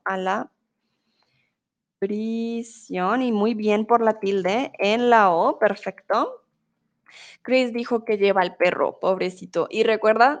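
A young woman teaching a live online Spanish lesson, reading out viewers' comments with patient encouragement and frequent laughter. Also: mid-range voice.

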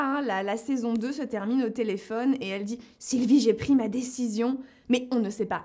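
A woman hosting a live lesson, speaking slowly and clearly and putting questions to her viewers. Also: fairly high pitch, a little mellow. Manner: slow and deliberate, asks the audience questions. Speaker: host of a live French-learning stream.

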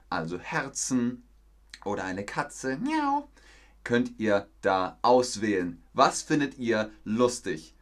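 A man teaching a live-streamed language lesson, repeating words slowly and praising his viewers. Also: medium pitch. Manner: slow, repetitive, encouraging teacher talk. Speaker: German teacher.

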